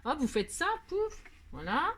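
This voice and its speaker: A woman's voice: medium pitch, expressive, normal speed, a bit bright. A middle-aged woman hosting a crafting tutorial, chatting, rambling and joking at herself as she works. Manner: rambling, self-mocking, talks to herself while working.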